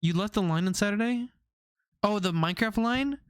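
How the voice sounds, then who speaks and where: A man's voice: high voice, moderate pace, clear, resonant tone, no echo, clean studio sound. A young man streaming, chatting casually with his viewers, rambling off on tangents and laughing often.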